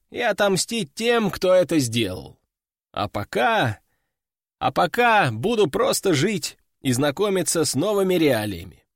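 A man's voice: on the high side, no echo, clean studio sound. A man narrating an audiobook in the first person, with a wry, ironic storytelling manner.

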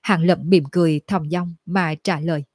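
A woman reading a fantasy novel aloud at a steady pace. Her voice is low and breathy, recorded close with a dry sound. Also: moderate pace, dry recording. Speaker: audiobook narrator. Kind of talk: scripted narration of a fantasy novel.

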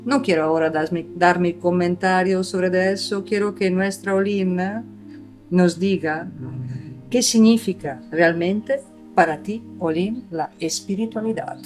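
A woman's voice: lowish voice, steady tone, unhurried, darkish tone, faint music behind. A woman hosting a community radio conversation, talking in a reflective way and asking musing questions. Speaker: radio host.

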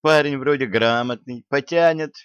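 A man voicing a stern, sharp-tongued tsaritsa who mocks and scolds. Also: mid-range voice, normal speed, clean tone, dry recording, pitched above the performer's own voice, close to an everyday voice. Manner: stern, mocking. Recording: dull lo-fi dry recording.

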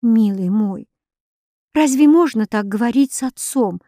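A woman voicing a timid, gentle girl who is the tearful older sister, pleading softly in an audiobook. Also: a little high, expressive, a little slow, dry recording, studio quality. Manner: soft pleading.

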